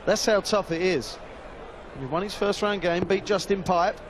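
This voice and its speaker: A man's voice: high-pitched, moderate pace, noisy background. A man giving live darts commentary in emphatic, short punchy phrases.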